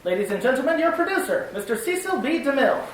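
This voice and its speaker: A man announcing a 1940s radio program in a booming, declamatory way. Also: very animated, quick pace, very noisy. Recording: echoey, distant 1940s radio broadcast.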